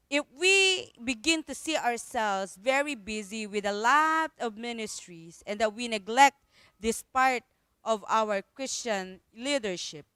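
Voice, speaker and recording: A woman's voice: a little high, pushed and bright, clear, resonant tone, no room sound. A woman pastor with a Filipino accent giving an earnest devotional Bible teaching, repeating her key phrases and mixing in Tagalog.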